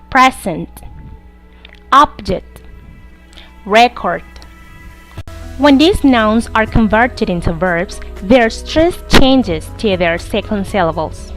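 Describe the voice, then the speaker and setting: A woman narrating a scripted lesson, giving slow, deliberate instructions and reading word lists. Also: a little high.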